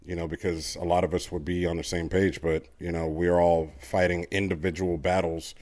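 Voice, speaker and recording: A man's voice: low-pitched, flat delivery, a little fast, darkish tone, no room sound. A man co-hosting a podcast, talking earnestly in a casual, rambling way and often restarting his sentences. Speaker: podcast co-host. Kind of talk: casual conversation.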